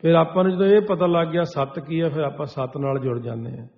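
A man preaching to a congregation, slowly chanting scripture lines and then explaining them in plain talk. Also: fairly high pitch, gravelly. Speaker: Sikh preacher. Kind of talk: scripture exposition sermon. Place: large hall before a congregation. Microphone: stage microphone. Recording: dull sound with long hall reverb.

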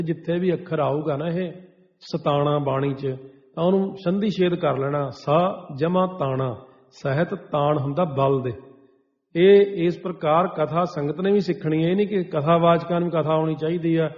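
A man preaching to a congregation, slowly chanting scripture lines and then explaining them in plain talk. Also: on the high side. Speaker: Sikh preacher. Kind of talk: scripture exposition sermon. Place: large hall before a congregation. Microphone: stage microphone. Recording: dull sound with long hall reverb.

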